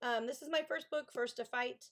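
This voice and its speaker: A Southern-accented author from Kentucky streams writing sprints, chatting casually with viewers about her books while thanking them and reading the chat aloud. Her high, fairly bright voice moves a little fast in a chatty manner.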